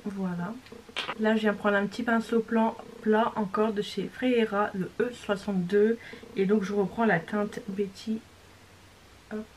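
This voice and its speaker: Woman, makeup tutorial voice-over, casual and chatty, mid pitch, faint hiss behind. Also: fairly even intonation, a little slow, a little mellow, rough recording. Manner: chatty, self-correcting, describing each step. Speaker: beauty vlogger.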